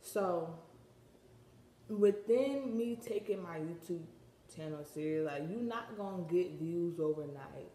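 Teen girl vlogger, low-pitched, rambling slangy delivery, slight retainer lisp, echoey room. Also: animated, slow pace, mellow. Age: teens. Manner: rambling, slangy, many filler words. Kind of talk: casual vlog chat.

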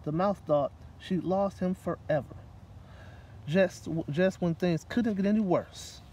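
A middle-aged guest reader sits at a park table outdoors and reads a children's picture book aloud. His voice sits high with a darkish tone, and he goes a little slowly. The microphone is distant, with light outdoor noise.

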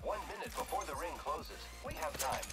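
A man playing a cheerful video game hero with a high, swooping voice. The callouts are lively and animated, over loud game music. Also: moderate pace, close to an everyday voice. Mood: upbeat. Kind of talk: video game character voice lines. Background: loud game music and effects.

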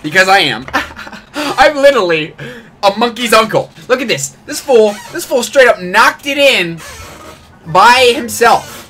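A man's voice: very high voice, measured pace, faint music behind. A man hosting his gaming channel, giving jokey live commentary on his own match and yelping at every bad play. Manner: excitable, jokey, groans and yelps at plays.

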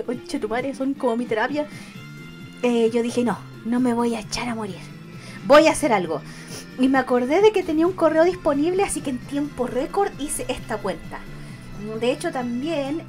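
Young Chilean woman streamer, high voice, giggly and chatty, soft music under her. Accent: Chilean Spanish. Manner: giggly, greets chat by name, swears casually. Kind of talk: casual live-stream chat.

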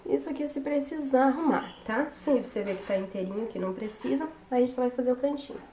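A young woman, hoarse from a cold, chatting casually through a makeup tutorial. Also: high voice, fast talker, warm tone. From Brazil. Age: young adult. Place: small bedroom, indoors. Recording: roomy echo with background noise.

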